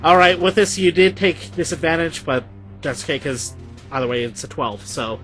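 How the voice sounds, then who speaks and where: A man's voice: a little high, steady tone, moderate pace, fairly bright tone, soft background music. A man running a tabletop game as game master, narrating playfully and laughing often.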